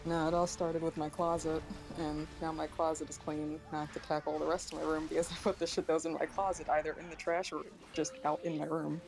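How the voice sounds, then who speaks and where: A woman's voice: deep voice, little pitch movement, fast, creaky, hardly any pauses, music in the background. Woman on a tinny tin-can mic. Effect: tinny voice-chat mic that sounds like speaking into a can. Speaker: voice-chat guest. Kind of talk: casual chat.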